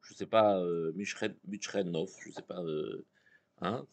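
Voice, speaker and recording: A man's voice: sits low, steady tone, unhurried, gravelly. A man teaching an interactive Torah class, reading Hebrew passages aloud and explaining them to his students. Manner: explains text, reads Hebrew passages then translates.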